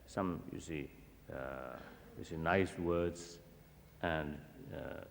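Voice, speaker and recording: A man's voice: very deep voice, drawn-out words, gravelly. A man, a native Tibetan speaker with a Tibetan accent, giving a philosophy teaching. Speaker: Buddhist teacher. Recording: echoey hall with background noise.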